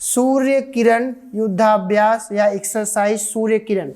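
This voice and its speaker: With an Indian accent, a woman teaches an online coaching lecture for defence exams, repeating key points and answering her own questions. Her medium-pitched voice is a little slow and a little mellow.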